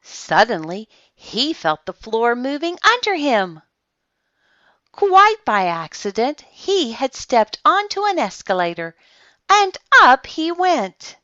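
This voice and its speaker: A woman narrates a picture book in a bright, crisp-edged voice. Her delivery is animated and dramatic, with slow, deliberate phrasing. The recording is close and dry, if slightly dull. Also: high voice, dry recording. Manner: dramatic, deliberate pauses and emphasis. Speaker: read-aloud storyteller. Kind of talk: expressive children's storybook narration.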